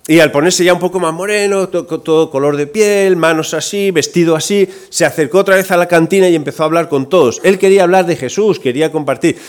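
A man's voice: on the high side, fast, hardly any pauses. A man with a Spain Spanish accent preaching a sermon, telling a story and acting out its voices with energy. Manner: lively, acts out the voices in his story.

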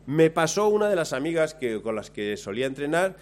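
A man's voice: fairly high pitch, a little fast. Self-mocking man telling a story. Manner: lively, self-mocking, acts out his own lines. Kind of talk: anecdote told to listeners.

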